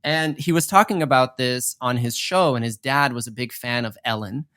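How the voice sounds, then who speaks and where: A man's voice: mid-range voice, moderate pace, pushed and bright, no echo. Young guy hosting a podcast, dry close mic, chatty storyteller, does little voices for quotes. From Persian family. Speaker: podcast host. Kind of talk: casual chat.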